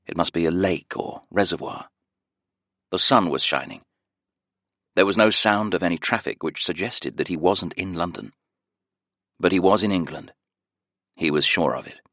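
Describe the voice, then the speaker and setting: A man reading an audiobook in a measured, expressive storytelling manner. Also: very deep voice, no room sound, studio quality. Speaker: audiobook narrator. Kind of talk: scripted audiobook narration.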